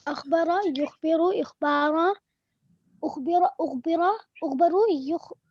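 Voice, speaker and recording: A woman student reciting haltingly in an online class, often restarting her words over a video call. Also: very high voice, a little mellow, no room sound, highs cut off.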